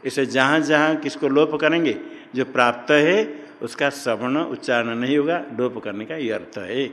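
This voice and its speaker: A man's voice: mid-range voice, a bit bright, slight background noise. Man teaching in a reverberant hall. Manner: asks questions and answers them himself, repeating terms. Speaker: Sanskrit grammar teacher. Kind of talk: classroom lecture. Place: hall or classroom at an ashram.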